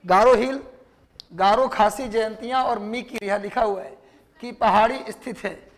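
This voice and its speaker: A man with a Bihari Hindi accent delivers a classroom lecture in a notably high voice. He quizzes his students constantly and repeats each answer for dictation. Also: unhurried. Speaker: teacher.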